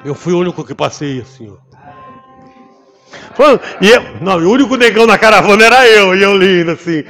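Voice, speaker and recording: A man with a Brazilian Portuguese accent, a pastor giving an animated testimony in church and acting out the voices in his story. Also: sits high, fairly quick. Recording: long hall reverb with faint music behind.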